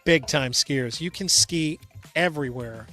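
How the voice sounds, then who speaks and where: A man calling in to his radio show from a trip, telling about his day in a loose, rambling way and laughing along. His voice sits a little high for a man, and faint music plays under it. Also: pushed and bright. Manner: rambling, halting restarts, chuckling. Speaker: radio co-host calling in from travel. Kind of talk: casual chat.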